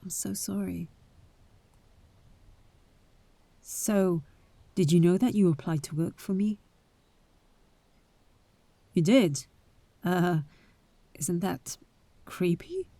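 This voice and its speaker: Voicing a bold adventurer heiress in an audio roleplay aimed at the listener, a woman speaks slowly and close-up in a dry, echo-free space. Her lowish, warm voice has lively intonation, and the heavily acted performance is caring yet wary, surprised and tender, with breathy asides and hesitant pauses.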